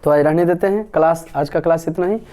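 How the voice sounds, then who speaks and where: A man's voice: a little high, fast, dark tone. A male teacher, dictating a grammar lesson word by word and quizzing his students. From Bihar, India.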